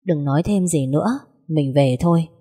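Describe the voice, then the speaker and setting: A woman voicing a calm, teasing young man who keeps pursuing the heroine in a read-aloud story. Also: sits low, moderate pace, husky, long reverb tail. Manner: teasing, steady and unbothered.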